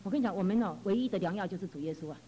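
A woman's voice: mid-range voice, very fast, warm tone, a little hiss or hum, rough recording. A woman giving a fervent personal testimony, telling her story with frequent exclamations.

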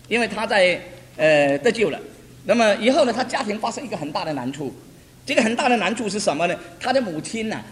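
A man preaching a testimony sermon, telling stories animatedly, repeating phrases and chuckling. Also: high voice. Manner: repetitive, animated storytelling with chuckles. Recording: reverberant hall, faint noise.

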